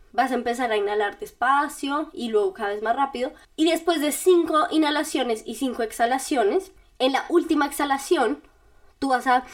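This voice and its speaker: A woman podcast host giving casual step-by-step self-help directions, speaking straight to the listener in a chatty, informal way. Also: high-pitched. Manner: chatty and informal, with little laughs.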